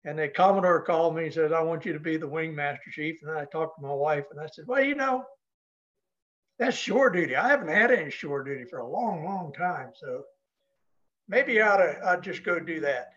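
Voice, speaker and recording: An older New Hampshire man, a retired Navy leader, tells stories casually as an interview guest, folksy and plain-spoken. His voice sits on the high side and is expressive, a little fast and fairly bright. The audio is dull.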